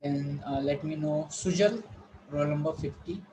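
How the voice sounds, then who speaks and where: A man teaches an online college lesson. His voice sits fairly high, and he explains patiently with repeated phrases and "uh" fillers. Faint background noise runs under the call. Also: mellow, poor audio. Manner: explaining slowly with many fillers and repetitions. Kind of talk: online class lecture. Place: online class.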